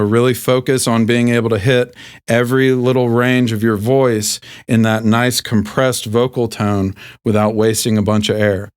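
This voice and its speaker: Un hombre con voz grave al hablar, que presenta una lección informal de canto con tono relajado, muchas muletillas y un leve acento del sur de Estados Unidos. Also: male voice, clear, resonant tone. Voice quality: deep speaking voice. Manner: relaxed, self-deprecating, with many fillers and restarts. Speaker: host. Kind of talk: casual singing lesson.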